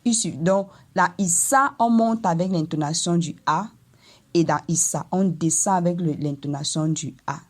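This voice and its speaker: A woman teaching a language lesson, explaining slowly and carefully and voicing vowel examples for each tone. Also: lowish voice, darkish tone. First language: Eton.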